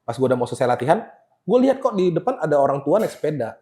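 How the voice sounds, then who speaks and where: Man, Pontianak Indonesian accent, quick talker, lively pitch, casual storytelling. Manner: animated, swears freely, acts out quotes. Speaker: podcast guest.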